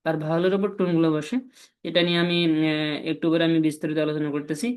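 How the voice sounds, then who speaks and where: A man teaching a language lesson, patiently explaining and repeating example syllables slowly. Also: a little high, flat delivery.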